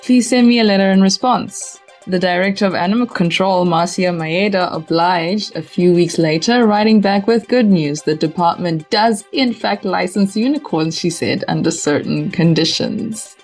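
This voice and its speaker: A woman's voice: on the low side, moderate pace, few pauses, darkish tone, soft background music. A woman from South Africa hosting a casual podcast, upbeat and laughing often. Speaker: podcast host.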